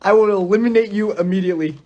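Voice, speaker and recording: A man's voice: sits high, fast, a little mellow, dull audio. A young man chatting casually on a phone livestream, playful and giggly. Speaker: livestream host.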